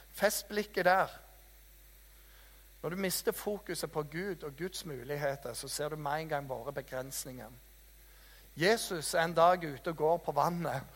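A man preaching a sermon in a church hall, telling stories in a lively, self-mocking way. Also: a little high, slightly rough. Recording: reverberant hall.

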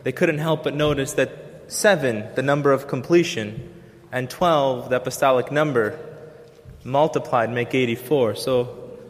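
A man preacher delivering a sermon in an earnest, measured way with pauses. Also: medium pitch. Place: church. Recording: long church reverb.

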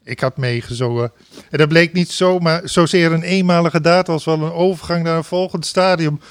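Man, fairly high voice, reading a funny story aloud, sings loud party chants, dry studio sound. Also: moderate pace, clean tone, dry recording. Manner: lively reading with bursts of laughter and sung chants. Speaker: reader of a book passage on a talk show.

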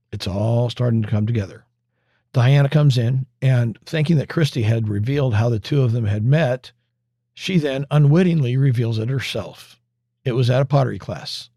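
A man's voice: mid-range voice, dark tone, dry recording, studio quality. A man hosting a podcast, recapping a TV episode in a wry, conversational way with asides. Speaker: podcast host.

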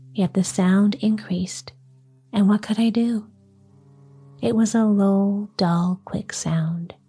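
A woman reading a story aloud in a soft, breathy whisper, storytelling at bedtime. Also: mid-range voice.

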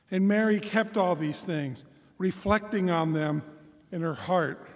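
High-voiced man preaching under cathedral echo. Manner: conversational, self-deprecating humor with fillers. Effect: cathedral echo, long church reverb. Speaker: homilist. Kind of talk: gospel reading and homily. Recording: long reverb in a large church.

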